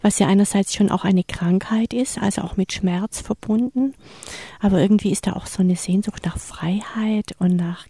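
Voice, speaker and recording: A woman interviewer who speaks warmly and enthusiastically and sometimes searches for the right words. Her voice is mellow and slightly husky, and the recording sounds dry and close. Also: medium pitch, dry recording.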